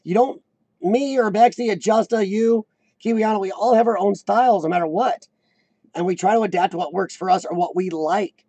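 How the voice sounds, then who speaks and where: A man in his forties hosts a live chat show, casually reading viewer comments on a stream. His voice is high and squeaky yet dark and mellow, roughened into gravel by lung illness and years of coughing, and he often clears his throat and restarts haltingly. The audio is close and dry, with no echo.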